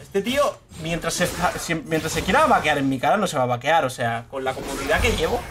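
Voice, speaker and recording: A young man with a Spain Spanish accent giving live gameplay commentary, swearing freely and bursting into shouts at the big plays. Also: a little high, sing-song, fairly quick, noisy background. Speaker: streamer. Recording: game music clearly behind the voice.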